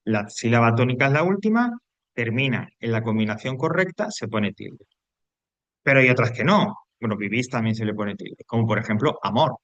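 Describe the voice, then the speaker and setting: A man's voice: medium pitch, animated, moderate pace, fairly bright tone, dry recording, dull audio. A man from teaching a grammar lesson, explaining patiently, repeating points and checking in with his students. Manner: explanatory, repeats himself, frequent tag questions.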